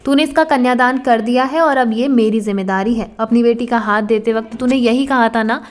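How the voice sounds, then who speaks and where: A woman's voice: on the high side, a little fast, natural voice. Vedant, a menacing young groom read by a woman. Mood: defiant. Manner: menacing, taunting. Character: defiant young groom, cold and threatening.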